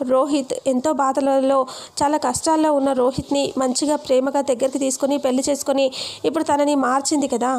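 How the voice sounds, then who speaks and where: A woman's voice: sits high, darkish tone. A woman casually retelling a TV serial episode, quoting each character's lines in her own voice. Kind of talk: casual spoken plot retelling.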